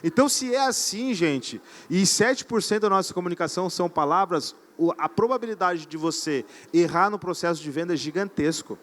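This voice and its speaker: A man giving an energetic live seminar talk on stage, often quizzing his audience. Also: high voice, brisk, few pauses. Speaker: conference speaker. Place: event stage before an audience.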